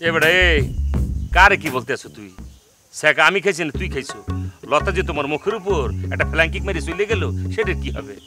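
A man's voice: on the high side, expressive, quick pace, music in the background, close to an everyday voice. Man playing a taunting hot-tempered village man. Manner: taunting, quarrelsome. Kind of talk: comedy TV drama acting.

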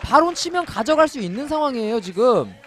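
Male esports caster, very high voice, excitable, urgent repetition, swooping delivery, music behind. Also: a little fast, a little hiss or hum. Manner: excitable, repeats phrases urgently. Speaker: esports commentator. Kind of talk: esports caster commentary on a live game.

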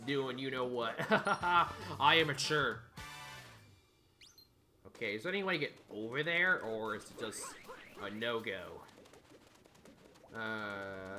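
A young man doing let's play commentary, excitable, yelping and shouting at the game, cracking crude jokes and talking to the characters. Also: medium pitch. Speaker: gameplay commentator.

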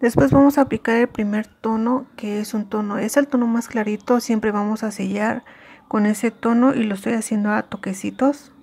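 A woman's voice: a little high, steady tone, normal speed, creaky, a little mellow. A woman doing a casual makeup tutorial, chatty and hesitant, with many fillers. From Mexico. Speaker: beauty vlogger.

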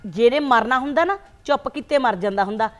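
A woman's voice: on the high side, brisk, close to an everyday voice. An actress playing a domineering older grandmother who scolds and mocks her family, in a short drama film. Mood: scolding. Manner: scolding, sharp-tongued, sarcastic.

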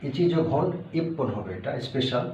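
This language lesson comes from a man whose medium-pitched, slightly mellow voice has lively intonation and a fairly quick pace. He repeats every word patiently and breaks things down step by step, captured in dull, distant lo-fi audio with a roomy sound and faint hiss.

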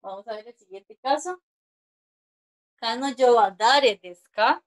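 Slow, patient woman teacher on a call. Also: on the high side. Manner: patient, counts strokes aloud, often asks "¿verdad?". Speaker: Japanese teacher. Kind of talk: online class explanation. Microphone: video call.

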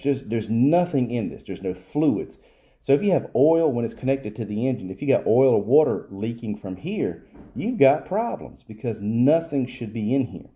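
Off camera behind his workshop bench, a repair technician walks through fixing a pump in a casual, hands-on demo. His fairly low, warm voice comes out loose and plain, with fillers and restarts.

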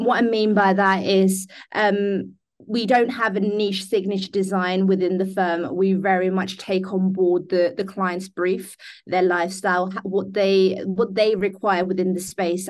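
Hesitant young woman on a video call. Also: medium pitch. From Denmark. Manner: hesitant, many ums and restarts. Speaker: interior design business founder. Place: indoor room. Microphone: laptop webcam on a video call.

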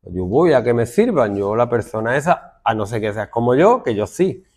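A man's voice: mid-range voice, normal speed. Spanish teacher guy lecturing the class, voice jumps up and down a lot, mocks the kids' excuses. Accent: Spain Spanish. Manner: lively, lecturing, acts out students' complaints in mocking voices. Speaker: secondary school teacher. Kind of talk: classroom talk to students.

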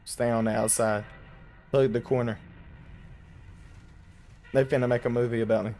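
A young man giving casual, jokey commentary while playing a horror driving game, slangy and quick to yelp when startled. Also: medium pitch, steady tone, darkish tone, soft background music. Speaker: gaming YouTuber.

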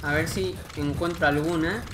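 A man with an accent from Spain, casually commenting on a game he plays, chatty and excitable with lots of slang. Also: a little high, moderate pace, reverberant, noisy background. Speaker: gameplay commentator.

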